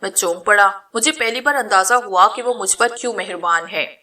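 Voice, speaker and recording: Bright-voiced woman narrating a story. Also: mid-range voice, rough recording. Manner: steady first-person storytelling. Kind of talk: scripted narration of a horror novel.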